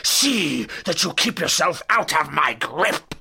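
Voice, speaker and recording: Furious old doctor villain, audio drama. Very husky, piercingly forceful, blustering and threatening. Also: male voice, fairly high pitch, big pitch swings, takes it slowly, heavily acted. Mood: threatening rage. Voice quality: rasping, snarling. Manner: bellowing, threatening.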